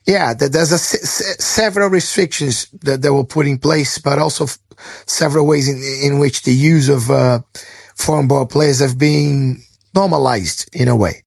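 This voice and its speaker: A man from Brazil speaks as a journalist, his voice carrying a gravelly edge. He answers questions thoughtfully, often restarting his sentences. The sound is close and dry. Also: medium pitch, moderate pace, dry recording. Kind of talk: interview answers.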